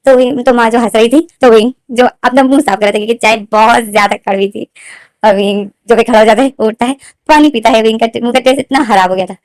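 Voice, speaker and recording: A woman's voice: steady tone, fast talker, darkish tone, no room sound. A woman retelling her own fanfiction story in casual spoken form, repeating herself often and lifting her voice for quoted lines. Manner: repetitive, fillers, rises in pitch for quoted lines.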